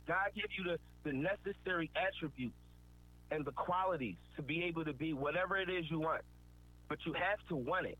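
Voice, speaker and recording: A man giving an earnest, preachy motivational talk, repeating points for emphasis. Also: on the high side. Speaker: motivational speaker. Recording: tinny phone-like line with faint noise.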